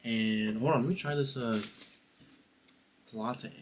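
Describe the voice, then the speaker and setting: A man's voice: medium pitch, slow, a little hiss or hum. Laid-back young man vlogging on a phone. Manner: rambling, laid-back, says "bro" often. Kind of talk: casual daily vlog. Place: at home, then outdoors by a river.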